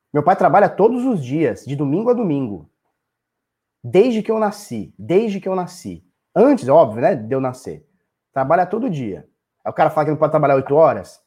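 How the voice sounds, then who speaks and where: On the high side yet darkish and husky, this man's voice carries a Brazilian Portuguese accent. In his thirties and a little tipsy, he rants bluntly and profanely to his stream chat, saying the same things over and over.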